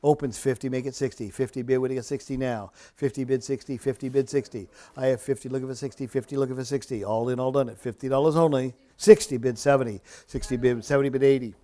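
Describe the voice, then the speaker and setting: A man's voice: mid-range voice, steady tone, fast, hardly any pauses, mellow. A man working as an auctioneer, calling live bids in a repetitive, rhythmic chant with a casual, folksy way about him.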